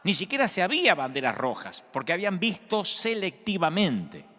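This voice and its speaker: A man's voice: fairly high pitch, bright, forceful tone. A man with an Argentine accent, a pastor preaching a sermon with conversational storytelling and humor. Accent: Argentine Spanish. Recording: echoey hall sound.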